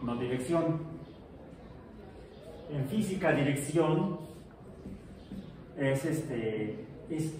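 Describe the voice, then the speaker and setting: Joking physics teacher in an echoey classroom. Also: male voice, on the high side, animated, extremely slow, long pauses, a little mellow, a little hiss or hum. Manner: jokey, asks the class questions. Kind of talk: classroom lecture. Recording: echoey room, far from mic.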